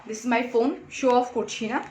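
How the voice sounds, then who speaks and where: A woman, chatting casually on a live stream and selling clothes, slipping English into her talk, her voice going a little hoarse. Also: a little high, fairly even intonation, measured pace, a little mellow. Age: 20s. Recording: echoey room, faint background noise.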